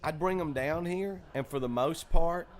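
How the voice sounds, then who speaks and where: A man's voice: a little high, moderate pace. A man who runs a comedy club, chatting casually in a green room, telling long stories full of fillers and restarts. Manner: rambling, lots of fillers and restarts. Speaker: comedy club owner, co-host. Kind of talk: casual storytelling chat.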